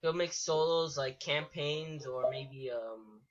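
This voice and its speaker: A woman's voice: deep voice, slow. A woman co-hosting a casual gaming video, speaking hesitantly with many fillers. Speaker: co-host. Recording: muffled lo-fi recording.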